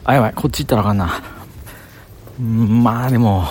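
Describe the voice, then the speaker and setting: A man's voice: medium pitch, fairly quick, darkish tone. A man with a Banshu Kansai accent, rambling casually to himself as he walks outdoors through city streets. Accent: Kansai, Banshu (Himeji) dialect. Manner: chatty self-talk, thinking aloud. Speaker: vlogger talking to camera. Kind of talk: casual rambling monologue while walking.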